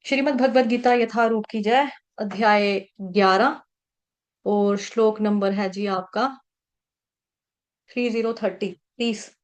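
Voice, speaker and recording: A woman's voice: medium pitch, steady tone, takes it slowly. A woman teaching Sanskrit verse recitation in an online class, patiently breaking words into syllables and repeating them. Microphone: video call.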